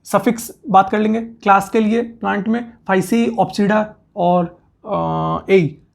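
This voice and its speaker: Gravelly-voiced male biology teacher. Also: sits high, steady tone. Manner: brisk, repeats terms for students to memorize. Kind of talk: classroom lecture.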